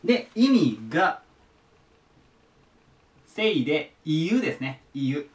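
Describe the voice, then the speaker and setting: Lively patient male English teacher. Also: fairly high pitch, takes it slowly, far from the mic. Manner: patient, repeats each word form. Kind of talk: explaining English vocabulary to students.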